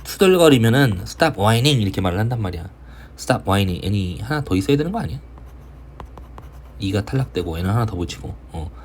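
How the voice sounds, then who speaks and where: A man teaching English vocabulary in an online lecture for high school students, with casual joking banter. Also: lively intonation, brisk, a little hiss or hum. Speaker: English tutor.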